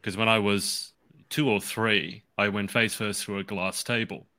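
Very bright-voiced man hosting a chat. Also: fairly low pitch, fairly even intonation, measured pace. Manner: jokey, teasing. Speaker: interview host. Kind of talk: casual interview chat.

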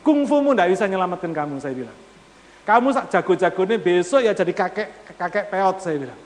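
A man's voice: high voice, lively intonation, a little fast. A man preaching a sermon, often putting rhetorical questions to the congregation and mixing formal speech with casual slang. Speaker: pastor. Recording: long hall reverb.

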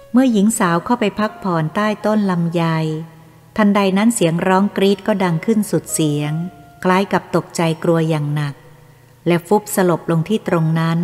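A woman telling a ghost story in a steady, measured scripted narration. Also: on the low side. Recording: long reverb with faint music.

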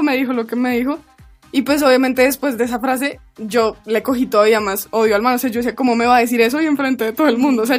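A young woman, hosting a podcast and telling a story in a casual, animated way. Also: a little high. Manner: animated, laughing while telling. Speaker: podcast host.

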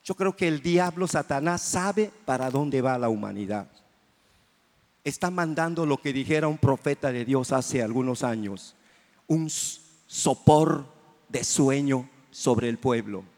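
A man's voice: medium pitch, measured pace, a little mellow. A man preaching a fervent sermon as pastor, calling out to the congregation for amens. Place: church. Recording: reverberant church hall.

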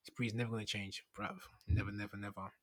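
A man's voice: lowish voice, little pitch movement, a little fast. A young man with a London roadman accent and heavy street slang, chatting informally as he hosts a solo podcast. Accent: London, Multicultural London English. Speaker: podcast host. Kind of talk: casual solo podcast chat.

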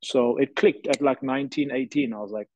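A man from South Africa, a professional rugby player, speaks a little fast in a mid-range, slightly mellow voice while earnestly recounting his story on a podcast. Slight background noise sits under the dry, faintly dull lo-fi audio.

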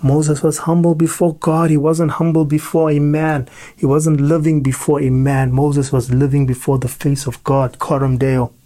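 A man preaching a sermon, reading scripture and stressing points with deliberate repetition. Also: on the high side, flat delivery, dark tone. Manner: slow, deliberate, emphatic repetition.

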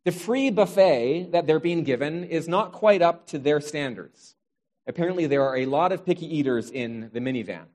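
A man's voice: on the high side, expressive, moderate pace, a little mellow. Wry male preacher telling a Bible story. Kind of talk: sermon.

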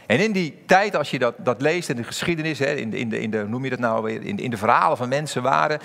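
A man's voice: medium pitch, expressive, quick pace, gravelly, fairly bright tone, in a large hall. A man preaching a sermon, emphatic, with sudden rises and drops in his voice, addressing the congregation directly. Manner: addresses the congregation directly, asks rhetorical questions. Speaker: pastor.

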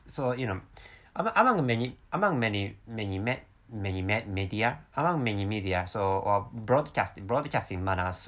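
A man in his thirties from Japan, with a Japanese accent, hosts a rambling solo podcast in English, which is his second language. He has a medium-pitched, slightly bright voice and speaks haltingly, with lots of restarts and repeated words.

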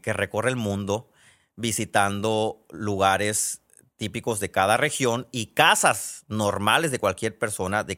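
A man's voice: lowish voice, fairly bright tone. A man with a Mexican accent hosting a podcast, telling stories in a chatty, digressive way and often correcting himself mid-sentence. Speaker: podcast host. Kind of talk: casual storytelling monologue.

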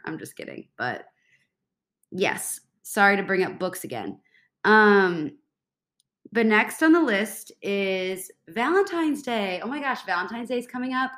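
The podcast host here has a fairly low but bright-toned voice, and the sound is roomy. Congested and young, she runs a casual solo show, rambling along cheerfully and saying "like" constantly.

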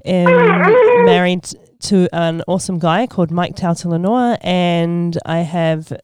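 A woman's voice: fairly low pitch, very animated, slow, heavy background noise. A woman in her forties from Australia, a podcast guest speaking in a thoughtful, hesitant way with many ums. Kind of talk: casual podcast chat.

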